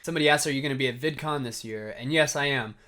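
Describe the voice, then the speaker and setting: Very fast, pushed and bright, a young man's mid-range, slightly scratchy voice carries his casual vlog. He tells stories to camera while answering viewer questions.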